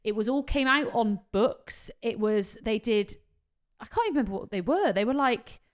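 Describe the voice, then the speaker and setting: A woman in her thirties with a fairly high voice tells stories in casual podcast chat. She swears freely, laughs often and rambles through her stories. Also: lively intonation, moderate pace. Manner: chatty, swearing, laughing storyteller. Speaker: podcast co-host.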